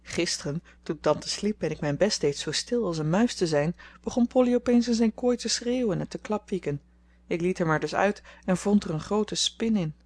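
A prim, earnest young girl from an audiobook, read by a narrator in a near-normal voice. She speaks in a middle pitch with careful seriousness. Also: expressive, normal speed, darkish tone, no room sound, natural voice. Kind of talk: audiobook character voice.

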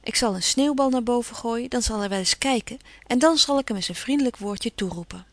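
A woman's voice: fairly high pitch, a little fast, dry recording, lightly acted. A woman reading aloud, voicing a spirited, outspoken teenage girl in a storybook. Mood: indignant.

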